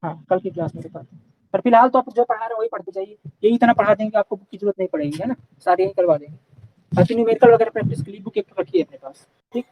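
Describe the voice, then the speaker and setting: A man's voice: high-pitched, animated, very fast, highs cut off, slight background noise. A man teaching a live online engineering class, asking questions and answering them himself and often checking that students are following. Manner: repeats checks like "okay" and "clear?"; Hindi mixed with English technical terms.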